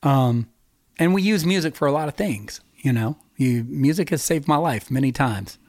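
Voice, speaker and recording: A man's voice: medium pitch, animated, normal speed, darkish tone, no echo, clean studio sound. Laid-back rambling man on a podcast. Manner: rambling, laughs often. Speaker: podcast co-host. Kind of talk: casual chat.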